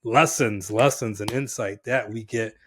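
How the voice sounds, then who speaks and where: Hoarse, energetic male podcast host. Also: lowish voice, unhurried, slight background noise. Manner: energetic, calls co-host brother. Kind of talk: casual podcast chat.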